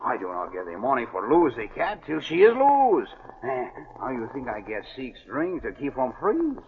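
A muddled trapper. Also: male voice, mid-range voice, wildly swooping pitch, normal speed, a little hiss or hum. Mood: exasperated. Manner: broken English, muddled. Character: French-Canadian trapper, muddled and excitable. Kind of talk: 1940s radio acting. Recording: tinny old radio broadcast.

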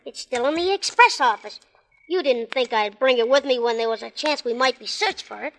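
Cool outlaw leader, scheming, bossy, brisk, bright high voice, Western drama, faint noise. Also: female voice, expressive.

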